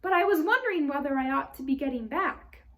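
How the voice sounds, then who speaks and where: A woman's voice: sits high, animated, brisk, pitched above the performer's own voice. A woman voicing an innocent young girl in a storybook, polite, earnest and a little puzzled. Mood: polite, hesitant. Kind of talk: storybook character read aloud.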